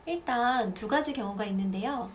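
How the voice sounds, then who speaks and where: A woman in her thirties, a parenting vlogger, talking casually and lively to camera. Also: fairly high pitch, normal speed, a little hiss or hum. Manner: chatty, lively, acts out quoted voices.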